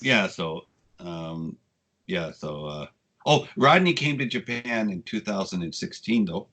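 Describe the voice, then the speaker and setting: A man in his sixties, a guest telling casual, rambling stories with frequent swearing, getting animated when he quotes people. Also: deep voice, a little slow. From United States. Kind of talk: casual storytelling interview.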